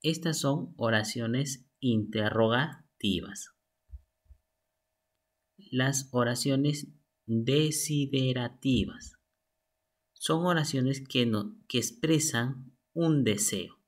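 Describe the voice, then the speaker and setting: A man teaching a lesson from slides, methodical and reading examples aloud. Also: mid-range voice. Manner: slow, methodical, reads out examples. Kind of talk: slide lesson on sentence types.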